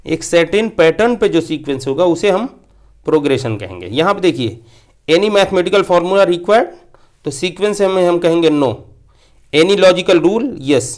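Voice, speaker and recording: A man giving a patient maths lecture who repeats key points and mixes English terms into his explanation. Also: fairly high pitch. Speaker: maths teacher. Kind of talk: classroom lecture.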